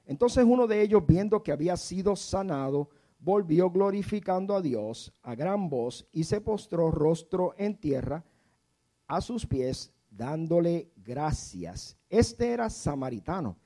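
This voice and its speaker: A man in his fifties preaching with a warm, mellow tone that sits a little high for a man. He tells the story in a storyteller's manner, slipping into soft, hushed passages. He also calls on the congregation to repeat key words back to him. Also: sing-song, unhurried. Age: 50s. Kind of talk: sermon.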